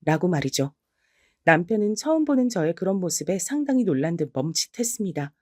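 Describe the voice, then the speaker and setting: A middle-aged woman narrates a true-life story in a steady, confiding first-person voice. The recording is dry and close, with no room sound at all. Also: fairly low pitch, brisk, no room sound.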